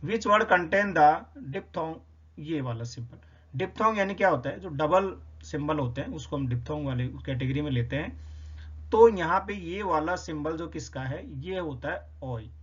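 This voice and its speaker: Working step by step through the answers to a phonetics quiz, this male English teacher says each sound again slowly. He sounds animated and husky with a fairly high voice, in a slightly dull, lo-fi recording.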